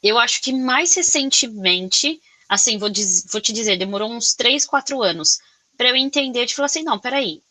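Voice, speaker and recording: A Brazilian woman with a Brazilian Portuguese accent, chatting casually in an interview. She talks loudly and expressively and tells her stories in an animated way. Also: fairly high pitch, moderate pace, dry recording. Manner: loud, expressive, animated storytelling. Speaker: corporate sales professional.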